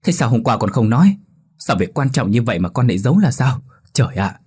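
A man's voice: lowish voice, a little fast, a little mellow, lightly acted. A man voicing an anxious village mother who frets and scolds, in a spoken ghost story. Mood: scolding. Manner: scolding, fretful. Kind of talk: horror story reading.

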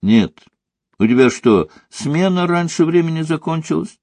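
Male reader playing a drowsy young woman, soft, fond and scolding. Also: fairly high pitch, expressive, measured pace, no room sound, voice pushed up. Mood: sleepy. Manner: soft, sleepy and gently scolding.

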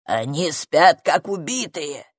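A woman's voice: low-pitched, big pitch swings, husky, no room sound, clean studio sound, voice pushed down, exaggerated voice. A woman voicing a grumpy, squat male troll-like creature who grumbles and drags out his words in a storybook reading. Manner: grumbling, slow and drawn-out.

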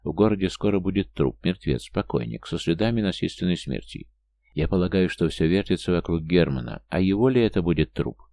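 A man's voice: sits low, expressive, fairly quick, mellow, dry recording. A man reading a bitter, accusing ex-cop. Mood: suspicious. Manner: harsh, accusing, agitated. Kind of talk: audiobook character voice.

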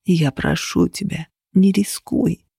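A man's voice: high-pitched, fairly even intonation, slow pace, vocal fry, breathy edge, dry recording, clean studio sound, full character voice. A reader voicing a male companion who whispers urgently, pleading and then giving orders, in an audiobook. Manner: hushed, pleading then commanding. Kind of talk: audiobook character voice.

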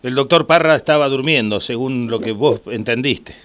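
A man hosting a radio interview, pausing as he searches for his words. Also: mid-range voice, a bit bright, no echo.

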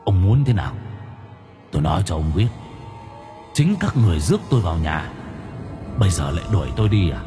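A man's voice: deep voice, animated, fairly quick, long pauses, mellow, soft background music, voice pushed down. A man voicing a vengeful ghost that has taken over a young man, speaking in a cold, taunting, menacing way in a storybook.

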